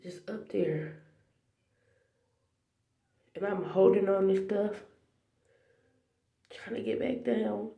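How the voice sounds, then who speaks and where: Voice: medium pitch, steady tone, slow pace, gravelly, pauses often, mellow. A faith vlogger sharing a dream and a spiritual message to camera, heartfelt and tearful, talking straight to the viewers and sometimes dropping to a whisper. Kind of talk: emotional spiritual testimony to camera. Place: small bathroom. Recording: echoey bathroom.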